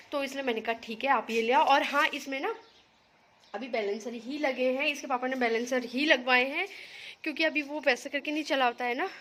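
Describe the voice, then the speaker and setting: A woman's voice: high-pitched, sharp tone, slight background noise. A young woman filming a casual home vlog on her phone, chatting and rambling to viewers while she minds her children. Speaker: home vlogger and mother.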